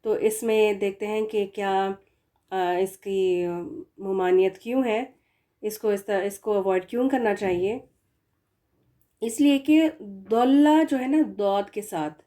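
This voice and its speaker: A woman teaching a recitation lesson, explaining patiently and stretching out the example words slowly. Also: mid-range voice, warm tone. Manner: patient explaining, slow drawn-out demo words. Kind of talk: tajweed lesson.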